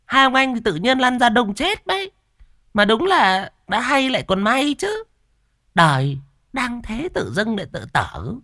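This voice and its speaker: A man voicing a crude, greedy middle-aged woman who speaks in a shrill, brash falsetto in a ghost story. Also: big pitch swings, a little slow, sharp tone, no echo, clean studio sound, full character voice. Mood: smug.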